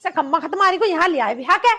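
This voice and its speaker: A woman's voice: very high-pitched, animated, fast talker, full character voice. An actress playing a harsh, nagging older mother-in-law with a Haryanvi accent in a village film drama. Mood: scolding. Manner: nagging, sharp-tongued.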